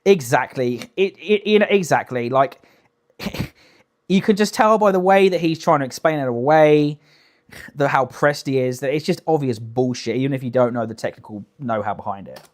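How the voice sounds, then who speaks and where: A man's voice: medium pitch, moderate pace. A young British man doing casual livestream reaction commentary, blunt, sweary and emphatic in an incredulous way. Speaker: live streamer commenting on clips.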